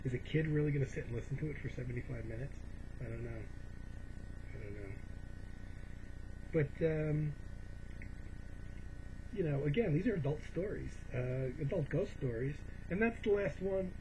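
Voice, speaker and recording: A man with a slightly high voice rambles through his collection on his vlog at normal speed, pausing often, hesitating, and frequently correcting himself as he meanders. It's a casual show-and-tell, captured as a dull lo-fi home recording with clear background noise.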